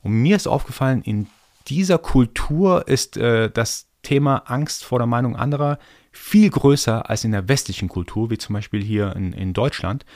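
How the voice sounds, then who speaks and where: Gravelly-voiced man musing on a podcast. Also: mid-range voice, lively intonation, moderate pace, a little mellow, no echo, clean studio sound. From Iran. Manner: thoughtful, explaining step by step. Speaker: podcast host. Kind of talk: solo podcast monologue.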